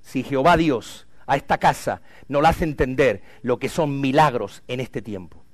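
A man preaching a sermon as pastor, swinging from loud cries to hushed lines. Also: medium pitch, normal speed, no room sound.

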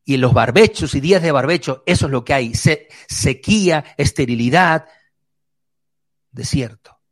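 A man preaching a sermon, vivid, moving between quick runs and slow emphatic words. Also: on the high side, expressive, no echo, studio quality.

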